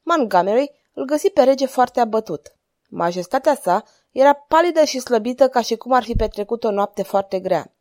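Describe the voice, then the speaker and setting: A woman reading a historical novel aloud as an audiobook narrator, calm and even. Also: fairly high pitch, no echo, studio quality.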